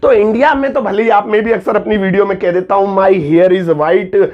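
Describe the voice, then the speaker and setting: A young man from India, an English teacher, giving a joking Hindi-language lesson and saying example sentences slowly and carefully. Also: sits high, lo-fi sound. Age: young adult. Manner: jokey, teasing, slow over-enunciated example sentences.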